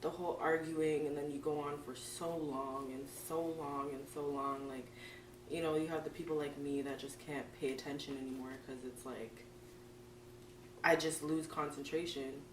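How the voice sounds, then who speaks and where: A woman's voice: sits low, fairly even intonation, normal speed. Laughing, blunt woman in an echoey room. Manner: laughs often, blunt and teasing. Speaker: podcast co-host. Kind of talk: casual podcast chat. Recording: echoey room, mic at a distance, faint hum.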